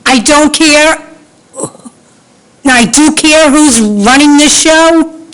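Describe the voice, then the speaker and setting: An indignant woman in her sixties speaks slowly and deliberately at a council meeting's public comment. Her voice sits a little high, and she keeps pressing the same questions again and again, pleading for an answer. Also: low-quality recording. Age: 60s. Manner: indignant, pleading, repeats demands. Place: council chamber.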